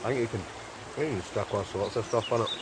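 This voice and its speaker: This Scottish vlogger in his forties talks fast in a fairly low voice, thinking aloud to camera as he cooks at a riverside camp. The outdoor recording picks up the flowing river.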